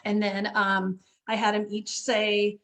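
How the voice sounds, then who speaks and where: A woman's voice: mid-range voice, level tone, takes it slowly, a bit bright. A woman run club coach telling a story in a casual interview, chatty, full of fillers and "you know what I mean".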